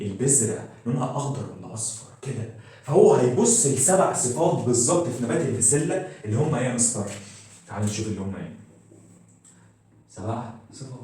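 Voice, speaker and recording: Fast-talking Egyptian teacher in an echoey room. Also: male voice, medium pitch, warm tone, a little hiss or hum. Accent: Egyptian Arabic. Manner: asks questions and answers them himself, repeats key words. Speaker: school science teacher. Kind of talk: classroom-style lesson. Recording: very echoey room, mic set far off.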